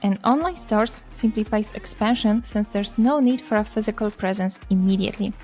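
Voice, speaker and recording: A woman reads a scripted intro in a smooth, even voice of middle pitch. Faint music plays behind her. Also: brisk. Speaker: intro narrator. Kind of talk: scripted narration.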